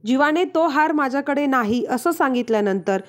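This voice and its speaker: A woman with a fairly high voice recaps a TV serial episode in steady storytelling. She quotes each character's lines inline as part of the telling. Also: normal speed. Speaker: channel narrator.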